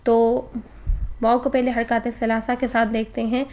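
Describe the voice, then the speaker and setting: A woman's voice: fairly high pitch, level tone, mellow. A woman teaching Quran recitation in a recorded lesson, explaining patiently step by step and mixing in English words.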